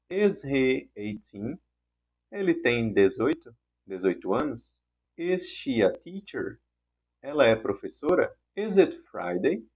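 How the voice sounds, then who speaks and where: A man teaching an online English lesson in Portuguese, who repeats the example sentences patiently and clearly. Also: mid-range voice, darkish tone.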